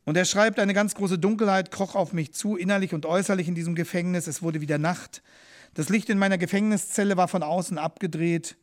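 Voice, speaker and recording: High-voiced man retelling a memoir. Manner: expressive reading, slowing for quoted hymns.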